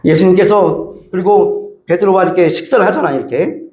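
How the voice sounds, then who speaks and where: High-voiced pastor preaching in an echoey church. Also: male voice, a little fast, darkish tone. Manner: emphatic, with many rhetorical questions to the congregation. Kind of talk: sermon. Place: church sanctuary. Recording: roomy church echo.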